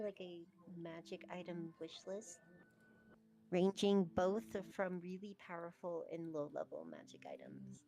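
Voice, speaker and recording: A woman running a tabletop game as game master, relaxed and teasing her players. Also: fairly low pitch. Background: background music.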